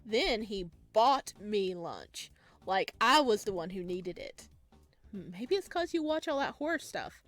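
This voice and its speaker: Reading a visual novel aloud, she acts out the dialogue and throws in chatty, informal reactions, let's-play style. Her medium-pitched voice is very animated yet unhurried, with no echo, and faint music sits underneath.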